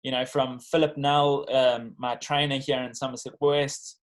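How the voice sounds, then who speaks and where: A professional bodyboarder with a South African accent tells his story in a casual interview, earnest, informal and reflective. His medium-pitched voice is flat and unhurried.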